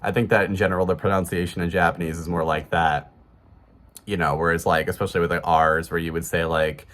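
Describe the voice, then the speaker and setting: A man's voice: deep voice, level tone, a little fast, a bit bright. A man in his thirties with a Chicago accent, talking casually to camera in a rambling way, full of fillers and restarts. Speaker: vlogger.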